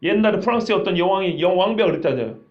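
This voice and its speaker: A man's voice: sits high, lively intonation, racing, highs cut off. A male pastor preaching a sermon in a conversational way, often asking the congregation questions.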